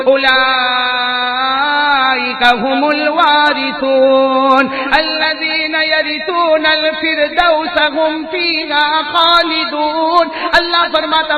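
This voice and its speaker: A male preacher giving a sermon to a live gathering, calling out for the crowd to repeat after him and chanting verses slowly, moving between hushed talk and loud calls. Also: extremely high pitch. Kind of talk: sermon with call-and-response.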